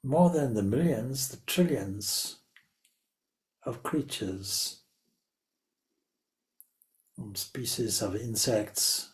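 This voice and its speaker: Guiding a meditation in the role of a spiritual teacher, this man speaks at a medium pitch. He delivers short, deliberate phrases with long pauses between them.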